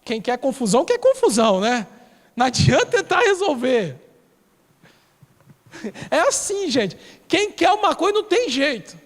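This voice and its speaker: A man's voice: very high voice, big pitch swings, normal speed, pauses often. A male pastor with a Brazilian accent delivering a sermon, telling a story and repeating key phrases for emphasis. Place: church. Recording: reverberant church hall.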